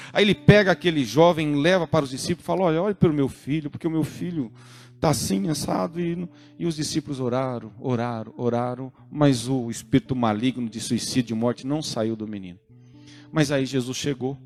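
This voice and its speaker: A Brazilian man preaches in a church service, his voice pitched high and earnest. He presses his points with rising urgency. A faint guitar plays underneath. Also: darkish tone. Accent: Brazilian Portuguese. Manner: earnest, rising to emphatic urging. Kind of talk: sermon. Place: church service streamed online.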